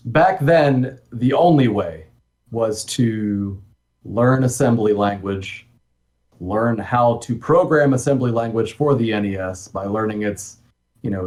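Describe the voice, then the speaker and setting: A man answering interview questions as a game developer, talking in a relaxed, rambling way with many ums and asides. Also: fairly low pitch. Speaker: guest, NES homebrew game developer.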